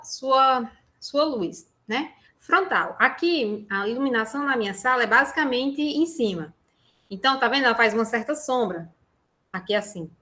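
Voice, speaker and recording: A woman's voice: high-pitched, pushed and bright. A woman with a Brazilian Portuguese accent presenting an online workshop from a room at home on a lapel mic, explaining in a chatty way with frequent tag questions. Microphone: lapel mic on a phone.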